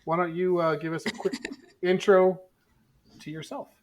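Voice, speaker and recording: A man's voice: high-pitched, fairly even intonation, moderate pace. Jokey male podcast host. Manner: jokey, self-deprecating, upbeat. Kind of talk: casual podcast hosting.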